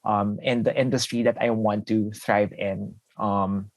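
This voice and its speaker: A man's voice: fairly low pitch, flat delivery, unhurried, no echo. A young man from the Philippines, a podcast guest talking earnestly about his life with many fillers and restarts. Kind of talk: casual interview talk.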